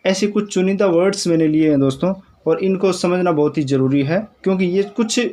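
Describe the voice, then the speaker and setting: A man teaching English pronunciation in Hindi, patiently spelling out words and repeating them slowly while speaking to viewers as friends. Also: fairly high pitch, a little mellow, a little hiss or hum. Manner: addresses viewers as friends, explanatory.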